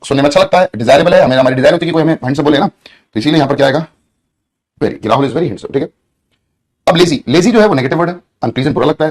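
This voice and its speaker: A man teaching an English grammar lesson, repeating points and asking students questions. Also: medium pitch. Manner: repetitive, asks students questions, stretches words when dictating. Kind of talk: exam-prep grammar lesson.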